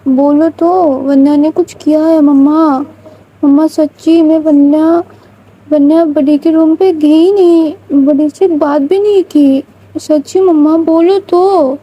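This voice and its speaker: A woman voicing an anxious little girl who pleads with slow, repeated questions. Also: sits high, steady tone, highs cut off, voice pushed up, natural voice. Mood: pleading.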